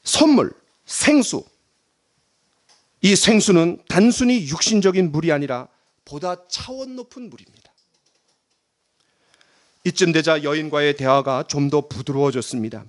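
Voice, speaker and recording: Animated high-pitched male pastor preaching. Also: a little slow, pauses often. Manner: dramatic, swings between loud emphasis and hushed near-whispers; leads congregation in reading aloud. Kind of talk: sermon.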